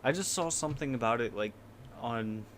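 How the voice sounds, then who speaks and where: A man's voice: medium pitch, moderate pace, a bit bright, a little hiss or hum. A young man co-hosting a podcast, rambling casually with lots of "like" and mocking voices from ads. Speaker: podcast co-host. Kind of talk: casual chat.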